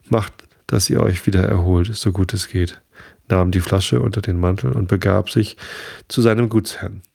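A man reading a fairy tale aloud in a steady, measured way. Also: on the low side, gravelly, dry recording, clean studio sound. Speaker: narrator. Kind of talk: storybook reading.

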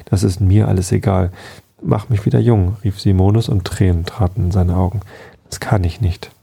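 A man reading a bedtime story aloud in a calm, soft-spoken way. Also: deep voice, a little fast, gravelly, husky.

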